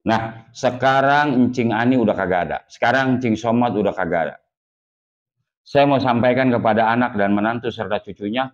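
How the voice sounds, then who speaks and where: A man with a Betawi accent giving a sermon as an ustadz to his congregation, folksy and lively, slowing down to stress his warnings. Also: medium pitch. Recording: dull lo-fi recording.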